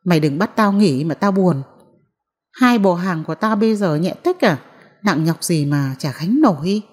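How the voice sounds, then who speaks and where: A woman voicing a poor, grieving old grandmother who talks in a low, weary, scolding way. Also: lively intonation, normal speed, darkish tone, husky, long reverb tail. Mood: weary, stubborn.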